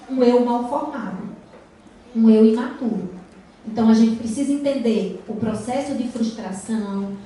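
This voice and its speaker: Woman, brazilian portuguese accent, high voice, lively talk to parents, echoey hall, far from the mic. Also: a little hiss or hum. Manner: addresses the audience directly, acts out quoted dialogue. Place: school hall.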